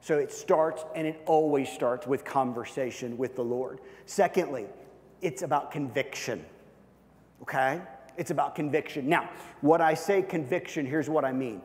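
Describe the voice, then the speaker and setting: A man's voice: mid-range voice, normal speed. A man preaching a sermon as a pastor, emphatic, checking in with a repeated "okay?" after each point. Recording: long reverb of a large hall.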